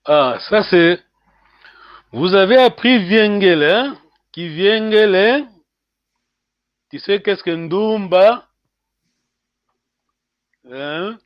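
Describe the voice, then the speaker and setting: This is a man running a language lesson on a video call. His voice sits high and he takes his time, repeating each word patiently. The call audio is slightly dull and lo-fi. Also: animated, no room sound. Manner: repeats words slowly, frequent "hein" checks; switches between French and Portuguese. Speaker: language teacher. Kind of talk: online class teaching.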